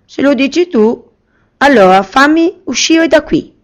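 A woman voicing an eager, excitable young boy in a children's fairy tale, with a high, excited voice. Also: measured pace, lo-fi sound. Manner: high, excited, loud calls.

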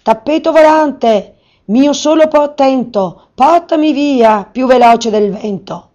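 Woman doing a sly old wizard-beggar, loud and commanding, storybook, slightly muffled. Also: on the high side, lively intonation. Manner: loud, drawn-out and triumphant when commanding. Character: old male wizard disguised as a beggar, scheming.

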